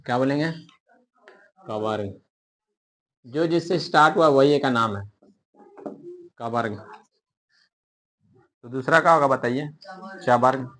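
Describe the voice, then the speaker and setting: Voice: mid-range voice, fast, a bit bright. A grammar teacher giving a lesson, sounding out letters one by one and answering their own questions. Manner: repeats syllables and asks questions then answers them.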